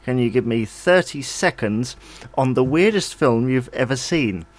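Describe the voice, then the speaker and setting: A man's voice: medium pitch, animated, measured pace. A man hosting a podcast, introducing quiz rounds in an easygoing, casual way. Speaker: podcast host.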